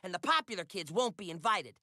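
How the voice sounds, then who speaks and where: A voice actor playing an eager, dramatic nerdy teenage boy in an animated sitcom. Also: mid-range voice, fairly quick, dry recording, studio quality. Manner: excitable, theatrical outbursts. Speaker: cartoon character.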